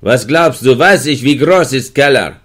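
A man reading an audiobook voices a gruff, curt prison guard who barks in broken German. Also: mid-range voice, lively intonation, unhurried, a bit bright, voice pushed up. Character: gruff middle-aged male Polish prison guard. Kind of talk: audiobook character voice.

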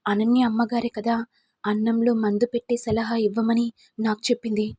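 A woman voicing a frightened maid who pleads for forgiveness, with a husky voice. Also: on the high side, little pitch movement, moderate pace, dark tone, dry recording. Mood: pleading. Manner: pleading, apologetic.

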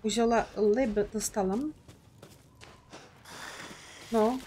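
A woman's voice: on the high side, fairly even intonation, extremely slow, dark tone, a little hiss or hum. A woman casually commenting on her game for viewers, chatty and often confused about where to go. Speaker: gaming streamer. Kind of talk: casual let's play commentary.

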